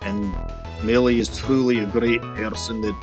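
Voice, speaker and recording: Streamer, male, voice run through a deep pitch-shifting changer, mock-pirate patter, faint music under him. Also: steady tone, moderate pace, highs cut off. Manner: playful mock-pirate talk with "aye" and "lad". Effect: voice changer shifting the voice deeper. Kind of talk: rambling livestream commentary.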